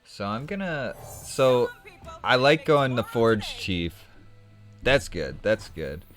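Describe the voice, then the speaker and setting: A young man streaming a card game chats casually and tells a rambling anecdote, correcting himself and restarting often. His medium-pitched voice is sing-song, slightly bright and slow. Soft music plays in the background.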